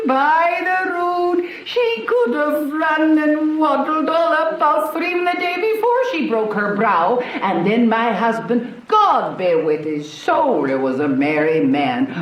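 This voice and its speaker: An actress playing a talkative, bawdy old nurse who rambles and repeats herself in a Shakespearean radio drama. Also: female voice, on the high side. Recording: roomy echo, faint background noise.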